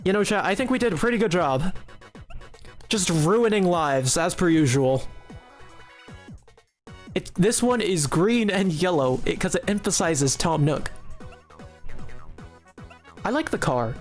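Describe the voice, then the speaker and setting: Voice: medium pitch, animated, a little slow, pauses often, soft background music. A streamer giving casual live commentary while making a game, giggly and rambling, often restarting sentences and joking in a mock-serious way to chat.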